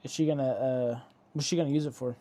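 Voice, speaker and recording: A man's voice: mid-range voice, fairly even intonation, fast talker, background noise. A man hosting a live repair stream, joking casually with viewers in chat while he works. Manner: reads viewer chat aloud and answers it. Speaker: electronics repair livestream host.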